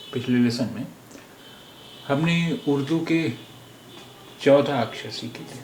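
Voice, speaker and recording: A man teaching a language lesson. He speaks slowly and says each word several times. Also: medium pitch, darkish tone. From India. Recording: roomy echo, faint background noise.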